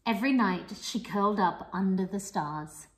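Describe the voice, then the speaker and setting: A woman reading a picture book aloud to young children, playful and expressive, with sing-song rhymes and the odd whisper. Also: mid-range voice, normal speed, a little hiss or hum. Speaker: children's storyteller and teacher. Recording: echoey room.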